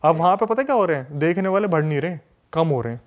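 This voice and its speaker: A podcast guest, a man from a city, telling a story in an animated, emphatic way with lots of repetition. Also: fairly high pitch, fast talker. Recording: dull lo-fi recording.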